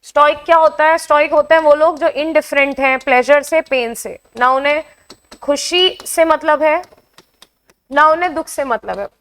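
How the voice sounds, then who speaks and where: Indian woman, exam-prep teacher, high voice, explains patiently and checks in with students. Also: moderate pace, a bit bright. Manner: explains in mixed Hindi and English, checks understanding with questions. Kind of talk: online classroom lesson.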